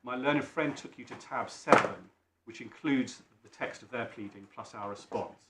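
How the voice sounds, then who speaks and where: A British man making formal legal submissions as a barrister, deferential and learned, often halting and repeating his phrases. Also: medium pitch. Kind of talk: formal courtroom legal argument. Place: indoor courtroom. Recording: echoey courtroom with faint background noise.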